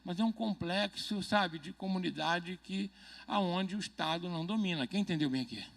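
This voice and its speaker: Pastor preaching a chatty sermon: a man with a high, gravelly voice who quizzes the pews and jokes between points. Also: moderate pace, a bit bright. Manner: conversational preaching, keeps asking the congregation questions. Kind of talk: sermon at a midweek church service.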